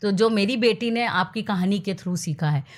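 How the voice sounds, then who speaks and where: A woman's voice: mid-range voice, normal speed. A woman storyteller answering interview questions in an earnest, teacher-like way. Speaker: storyteller, guest.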